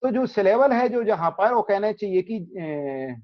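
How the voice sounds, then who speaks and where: A man with an Indian accent teaches an online class, explaining at a slow, unhurried pace. His pitch moves a lot as he asks questions and then answers them himself. The sound is a dull, lo-fi video call. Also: animated. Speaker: English pronunciation teacher.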